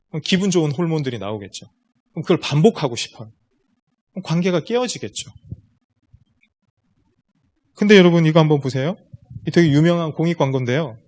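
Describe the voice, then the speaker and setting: A man whose voice is on the high side leads a seminar for parents in a school lecture room. He explains things stepwise and keeps turning rhetorical questions on the audience.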